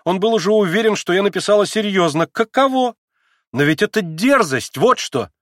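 A man voicing an excitable teenage girl. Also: high-pitched, no room sound, studio quality, voice pushed up. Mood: indignant. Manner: quick emotional swings, sometimes whispering. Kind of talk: audiobook character reading.

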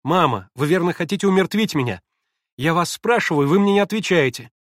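Petulant teenage girl, shrill, high, insistent, loud, male reader voicing. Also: expressive, a little fast, no echo, studio quality, close to an everyday voice. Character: capricious, demanding teenage girl.

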